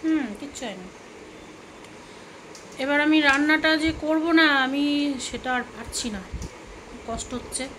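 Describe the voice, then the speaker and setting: Brief: middle-aged woman home vlogger, high pitched and animated, soft and weary, noisy home recording. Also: a little slow, long pauses. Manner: soft, weary, confiding talk. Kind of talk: casual chat to camera.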